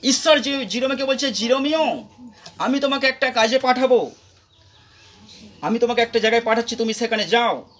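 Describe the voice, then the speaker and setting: A man's voice: very high voice, brisk, pauses often, a bit bright. A man with a Bengali accent, preaching a sermon as pastor, repeating phrases for emphasis. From India. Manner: repetitive, emphatic preaching with rising calls.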